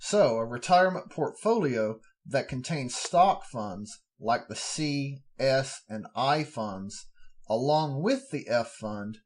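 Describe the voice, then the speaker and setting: A man's voice: medium pitch, animated, slow. A man hosting a podcast, steadily reading formal fund descriptions aloud and breaking off now and then for plain spoken asides. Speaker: podcast host.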